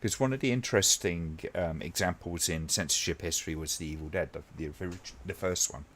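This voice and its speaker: Low-voiced man chatting on a stream. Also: fairly quick. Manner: relaxed, rambling, many ums, talks to chat by name. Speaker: live stream host. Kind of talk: casual watch-along chat.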